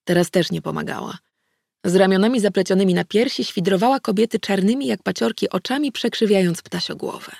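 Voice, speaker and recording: A woman narrating a first-person novel for an audiobook. Her reading is measured and even, with a strong gravelly fry in her voice. The sound is dry and close, with no room around it. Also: medium pitch, no room sound.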